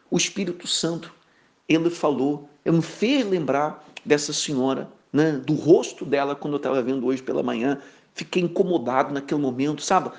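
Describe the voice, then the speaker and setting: A man, a pastor, telling a personal testimony in a sermon, earnest and conversational, often tagging his sentences with a questioning aside. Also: on the high side. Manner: earnest storytelling with frequent "né?" asides.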